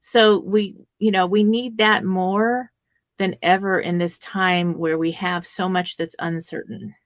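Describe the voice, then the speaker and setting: A woman's voice: fairly low pitch, fairly even intonation, unhurried, no room sound. A woman hosting a radio talk show, chatting with a guest and backing up what he says. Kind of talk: conversational radio interview.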